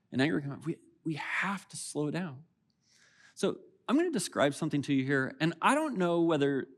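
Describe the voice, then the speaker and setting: Animated male pastor preaching. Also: medium pitch. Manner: animated, conversational preaching with acted-out quotes. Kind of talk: sermon. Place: church auditorium.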